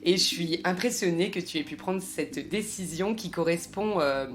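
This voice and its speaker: A woman's voice: on the low side, normal speed, slight background noise. French woman hosting a podcast. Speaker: podcast host. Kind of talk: scripted intro then casual interview.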